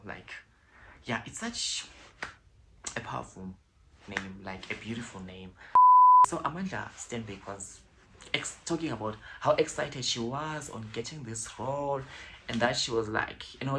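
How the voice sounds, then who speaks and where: A man's voice: medium pitch, heavy background noise. Guy ranting casually on his channel, wanders off topic a lot, drops to whispers for side notes. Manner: chatty and digressive, with hushed whispered asides. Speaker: vlogger. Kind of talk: casual commentary vlog.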